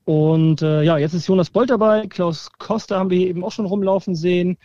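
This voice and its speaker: A man speaks over the phone, calling in to report live. His voice sits fairly high, and the line sounds dull and dry. He talks in a relaxed, chatty way, with pauses and fillers as he describes things. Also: dry recording. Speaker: fan blogger calling in from training camp.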